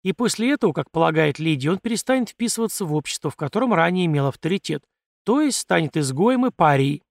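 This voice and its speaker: A man voicing a calm, patient female secretary who explains things gently. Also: fairly high pitch, fast, gravelly, dry recording, clean studio sound.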